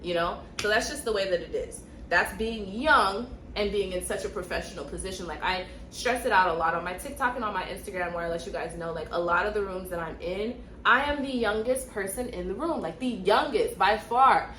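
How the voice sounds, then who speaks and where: A woman's voice: medium pitch, fairly quick, hardly any pauses, fairly bright tone, echoey room, a little hiss or hum. A young woman from Miami, a nurse, giving direct, emphatic storytime advice and repeating points for stress. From Miami, Florida. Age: young adult. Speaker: nurse and vlogger.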